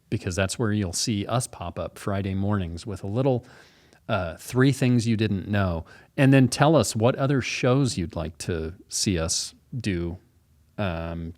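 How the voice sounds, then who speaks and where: A man with a deep, low voice chats casually as a podcast co-host. He talks earnestly and rambles, often restarting his sentences. The recording is dry, with no room sound. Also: a little mellow, no echo.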